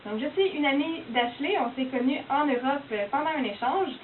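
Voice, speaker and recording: A woman's voice: high-pitched, animated, normal speed, roomy sound, far from the mic. Young woman, Québécois French accent, casual chatty explaining, frequent fillers, tinny lo-fi sound, faint hiss. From Quebec. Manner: chatty, many "donc" and "euh" fillers. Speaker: university student explaining her dialect.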